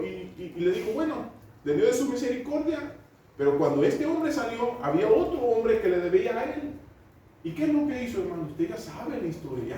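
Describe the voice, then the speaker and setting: A man preaches in a big church hall, his high voice climbing and dipping with lively swings. He keeps asking the congregation questions and slips in joking asides. The sound is very echoey and distant, with faint noise under it. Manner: asides and chuckles mid-sermon. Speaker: pastor. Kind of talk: sermon.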